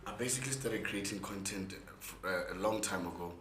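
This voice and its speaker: Young male, South African accent. Hoarse, lowish voice, emphatic casual talk, roomy sound with faint noise. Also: a little fast, a bit bright. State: hoarse from gigs the day before. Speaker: interview guest, content creator and musician. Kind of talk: casual interview chat. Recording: echoey room with faint background noise.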